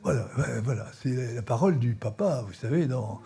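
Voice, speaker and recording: A priest giving a spiritual training talk, telling an anecdote with many fillers and soft chuckles. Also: male voice, mid-range voice, lively intonation, brisk, vocal fry, slightly rough. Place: live session before an audience.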